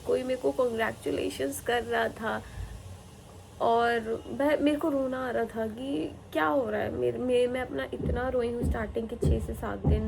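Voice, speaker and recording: A woman's voice: on the high side, creaky, poor audio. A young woman, a new mother, talking candidly and emotionally to camera in a casual vlog. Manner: emotional, candid, mixes English into her talk.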